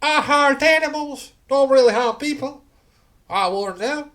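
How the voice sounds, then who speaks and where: A man's voice: very high-pitched, unhurried, fairly bright tone. A man voicing a folksy, flustered frontier townswoman in a tabletop role-play. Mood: folksy, candid. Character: folksy, easily baffled townswoman shopkeeper Hannah in a frontier settlement.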